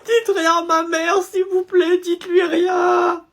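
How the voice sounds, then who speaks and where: A young man voicing a panicked schoolboy who sobs and begs in a high voice. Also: level tone, slow pace, vocal fry, a bit bright, full character voice. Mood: pleading, sobbing. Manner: pleading, sobbing, high-pitched begging. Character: panicked crying schoolboy terrified of his mother.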